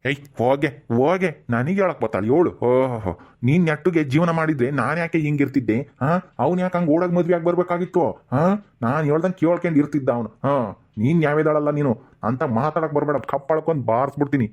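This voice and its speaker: A man's voice: a little high, fast talker, natural voice. An actor playing a drunken, abusive middle-aged father who slurs and bullies. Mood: scornful. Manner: slurred, bullying, shouting. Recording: dull lo-fi sound.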